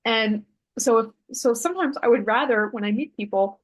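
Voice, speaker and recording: A woman guest in a relaxed interview, telling a story in a thoughtful, meandering way, with fillers and self-corrections. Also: a little high, normal speed, low-quality recording. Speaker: interview guest, artist and Human Design author.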